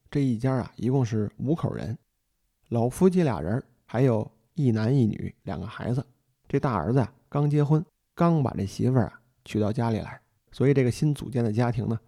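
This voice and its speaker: Mellow-voiced storyteller man. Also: medium pitch, husky. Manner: chatty, addresses the listener directly, folksy asides. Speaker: book storyteller. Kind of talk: colloquial storytelling, retelling a novel.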